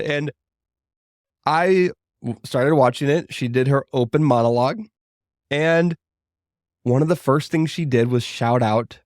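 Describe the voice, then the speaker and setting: A man's voice: medium pitch, dry recording, studio quality. Chatty man hosting a solo podcast. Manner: chatty and upbeat, rambling asides. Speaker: podcast host. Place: home podcast studio.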